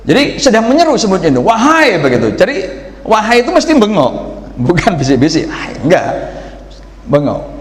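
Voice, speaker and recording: A man giving a lively religious lesson, explaining Arabic grammar to the audience with shouted examples and asides. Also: high-pitched, brisk, pauses often. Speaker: religious teacher. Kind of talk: Ramadan religious lecture to an audience. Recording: echoey hall with long reverb.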